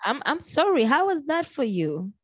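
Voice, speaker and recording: A woman from Congo hosting a casual podcast interview, chatty and expressive with frequent jumps in pitch. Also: normal speed, no room sound. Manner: chatty with small restarts and fillers. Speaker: podcast host.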